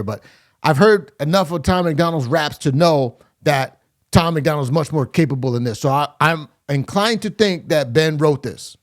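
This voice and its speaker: Male host, somewhat high voice, loose reaction-video critic who scats beats and stumbles through restarts. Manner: many fillers and restarts, scats rhythms aloud. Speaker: host reviewing rap verses. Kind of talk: casual reaction commentary.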